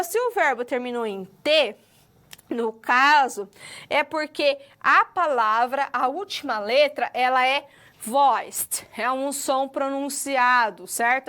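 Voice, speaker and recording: High-pitched woman teacher, slow patient lecture delivery with frequent checks. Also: fairly bright tone. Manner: patient, drawn-out explaining, often checks understanding with "ok?". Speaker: English teacher. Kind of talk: recorded online lecture.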